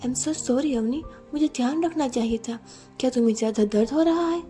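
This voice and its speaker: A woman voicing an affectionate, teasing young husband in a narrated storybook romance, in a gentle, coaxing manner. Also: high-pitched, fairly quick, faint music behind, lightly acted. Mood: apologetic.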